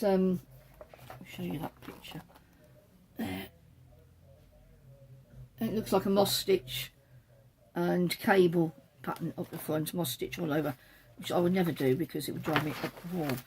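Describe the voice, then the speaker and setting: A woman's voice: on the low side, darkish tone. A woman hosting a knitting podcast, chatting casually as she shows patterns from a book, rambling and correcting herself as she goes.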